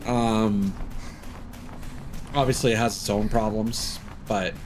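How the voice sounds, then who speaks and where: Livestreaming a video game, a man in his thirties chats casually over the gameplay, opinionated and blunt, with casual swearing. His voice is fairly low, steady in tone and slow. Game music plays behind him.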